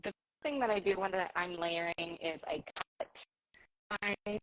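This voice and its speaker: A woman, a guest ceramic artist, gives a casual live demonstration over a video call whose audio keeps cutting out. She talks haltingly, with frequent fillers. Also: fairly low pitch, fairly bright tone, lo-fi sound. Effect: audio keeps cutting out over a glitchy video call.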